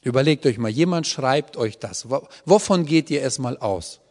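A man's voice: medium pitch, animated, normal speed, a little mellow. A man teaching a Bible study to a group, explaining patiently and often checking in with a questioning "ja?". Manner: explanatory, often asks the audience "ja?". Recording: long hall reverb.

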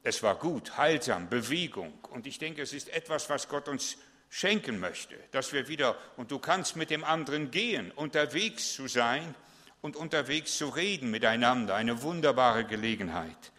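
A male pastor preaches with emphasis, repeats words for stress and turns his points into questions for the listeners. His voice is bright and forceful, and a long reverb hangs in the large church around him. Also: medium pitch, animated, normal speed. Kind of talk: sermon.

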